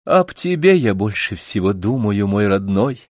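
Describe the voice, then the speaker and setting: A man reading an audiobook voices a gentle young village girl who speaks softly and earnestly. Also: lowish voice, very animated, measured pace, no room sound, studio quality.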